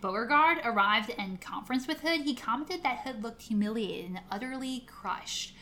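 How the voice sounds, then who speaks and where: A woman narrates history as a podcast co-host. Her voice is a little higher than average, and she follows a script. The recording is made indoors, in the attic of an old house. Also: lively intonation, normal speed, pushed and bright. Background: air conditioning may be running.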